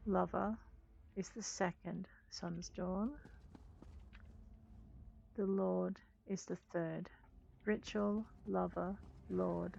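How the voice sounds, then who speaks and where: A woman with a fairly low voice and plenty of vocal fry comments casually on her game. She thinks aloud and reads text from the screen. Faint game ambience and noise sit behind her. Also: steady tone, extremely slow, pauses often, a little mellow, highs cut off. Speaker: gaming host.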